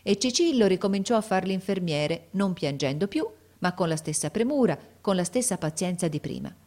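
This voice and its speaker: Low-voiced woman narrating a story. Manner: measured, expressive reading. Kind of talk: audiobook narration.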